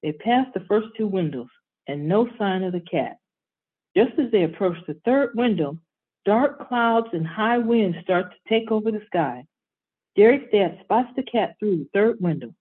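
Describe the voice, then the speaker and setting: A woman hosting and reading a bedtime story in a calm, steady way. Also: medium pitch, measured pace, breathy edge. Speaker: host. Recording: tinny phone-like audio.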